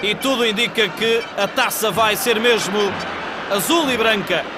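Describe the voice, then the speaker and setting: A male football commentator with a European Portuguese accent and a high-pitched voice. He describes the match live in measured phrases. The old 1980s television broadcast is noisy, with a clear stadium crowd behind him.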